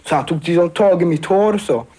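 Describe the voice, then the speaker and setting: A teenage boy giving a halting personal account, full of fillers and restarts. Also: a little high, mellow, a little hiss or hum. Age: teens. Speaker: survivor interviewee.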